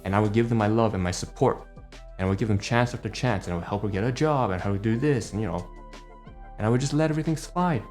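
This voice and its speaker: A man in his late twenties, a vlogger whose first language is Cantonese, rants heatedly at home in a personal vlog with faint music behind. His fairly low, darkish voice moves quickly as he swears often and tacks "all right?" and "okay?" onto his lines, piling on rhetorical tags.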